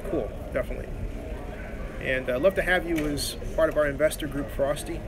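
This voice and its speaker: Higher-pitched man livestreaming in loud terminal. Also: a little fast. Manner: informal, rambling. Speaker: livestream host. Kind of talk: casual livestream chat with viewers. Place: busy airport gate. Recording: loud airport terminal noise.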